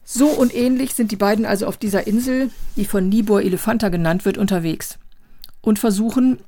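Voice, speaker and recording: Woman reviewing books, measured, deliberate, middle pitch. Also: dark tone, no room sound. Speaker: book reviewer. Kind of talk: book review.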